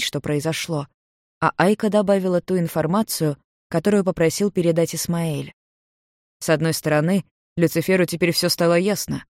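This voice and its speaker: A narrator reading a fantasy story aloud with a plain, middle-pitched voice. The sound is dry and close, with no room around it. The reading stays steady and even. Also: dry recording.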